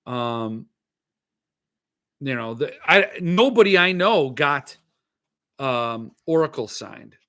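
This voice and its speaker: A man's slightly high, bright voice carries a forceful tone as he hosts a book-collecting show and chats in a rambling, casual way about his interests. His s sounds are slushy from a lisp, and he thinks aloud hesitantly with frequent asides.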